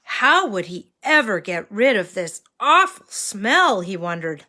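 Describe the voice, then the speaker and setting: A woman reads a children's picture book aloud as if to a toddler, expressively and with an engaging, questioning manner. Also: mid-range voice. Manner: reading to a toddler, slow and expressive with questions to young listeners. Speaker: children's story reader.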